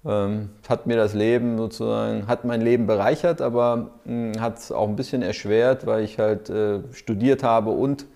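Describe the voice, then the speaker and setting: Berliner in his forties, low gravelly voice, easygoing interview guest. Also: normal speed, hardly any pauses. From Berlin, Germany. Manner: relaxed, many fillers, laughs while telling stories. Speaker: podcast guest, startup founder. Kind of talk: casual interview storytelling.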